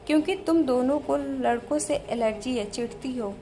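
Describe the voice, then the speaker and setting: A woman's voice: high voice, normal speed, warm tone, slight background noise. A woman voicing two complaining young men in an audio story, accusing a classmate.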